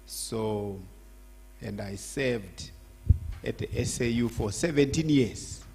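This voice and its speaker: Slow, emphatic older Zambian man speaking. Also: medium pitch, gravelly, darkish tone, breathy edge. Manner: emphatic, repeats phrases with rising force. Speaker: guest speaker. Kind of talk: church address.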